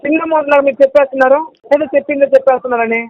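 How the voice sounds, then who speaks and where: A man's voice: very high voice, fairly even intonation, racing, no echo. A loan recovery agent, a man, arguing on a phone call and insisting on repayment, talking over the other man and repeating the sums. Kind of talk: heated phone argument. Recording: muffled phone call recording.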